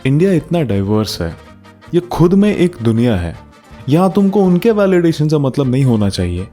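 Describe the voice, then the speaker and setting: A man's voice: mid-range voice, very animated, normal speed, warm tone, soft background music. A man with an Indian accent hosting a casual commentary video in a rhetorical, teasing manner. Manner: rhetorical, teasing, mixes Hindi and English slang. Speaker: video essay host.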